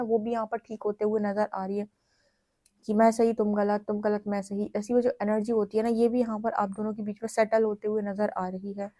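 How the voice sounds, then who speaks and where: A woman's voice: on the high side, warm tone, dry recording. A woman with an Indian accent giving a tarot reading to her viewers, speaking in chatty, direct Hinglish. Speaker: tarot reader.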